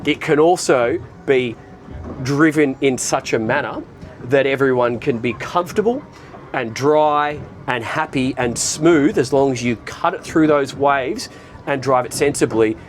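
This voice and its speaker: A man giving a casual, upbeat guided tour, chatty and pointing out features as he goes, outdoors on a boat in an open bay, now and then clearing his throat. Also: mid-range voice, unhurried, faint music behind. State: occasional throat clearing after a recent flu. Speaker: boat reviewer presenting a walkthrough.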